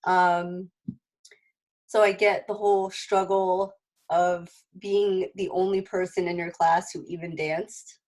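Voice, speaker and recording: A woman's voice: on the low side, level tone, slow, darkish tone. Young woman who says w for r. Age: 20s. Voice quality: speech impediment, says w for r. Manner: chatty, frequent "like". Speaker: physical therapy student. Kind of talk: casual group introduction chat.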